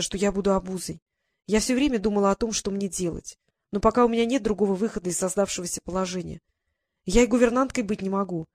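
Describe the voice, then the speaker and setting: A shy young woman speaks gently and earnestly, pleading to be allowed to stay, as a woman reads her part. Her voice sits at a middle pitch and is recorded dry and close. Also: dry recording, close to an everyday voice. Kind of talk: audiobook character reading.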